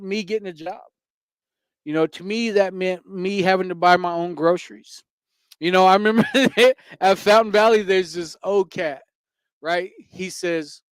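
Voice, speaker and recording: Casting: earnest male co-host, high clear voice, dry close sound, lots of fillers. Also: dry recording. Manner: earnest, rambling with many fillers. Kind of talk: casual recovery talk.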